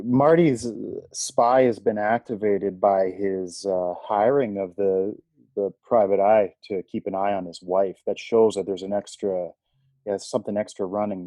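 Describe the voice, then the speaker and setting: A man co-hosting a podcast in casual analytical discussion, often pausing mid-thought as he works out his point. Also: low voice, warm tone, no room sound, low-quality recording. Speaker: podcast co-host.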